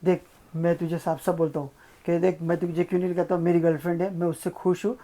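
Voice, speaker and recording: A man's voice: on the high side, flat delivery, quick pace, dark tone, close to an everyday voice. A man playing a blunt, dismissive young husband in a family drama.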